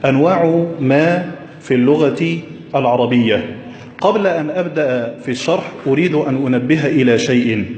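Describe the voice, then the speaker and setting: A man teaching Arabic grammar at a whiteboard, slow and deliberate, quizzing his listeners with questions. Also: medium pitch, darkish tone, highs cut off. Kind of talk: classroom lesson at a whiteboard. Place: classroom with a whiteboard. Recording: echoey, reverberant room.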